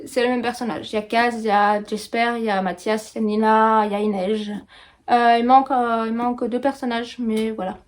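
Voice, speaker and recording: A woman in her thirties with a Belgian French accent, chatting casually about books in a vlog, with many pauses and fillers. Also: on the high side, fairly even intonation. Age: 30s. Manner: chatty, hesitant with frequent fillers. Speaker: book vlogger. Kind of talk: casual book review vlog. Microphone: phone.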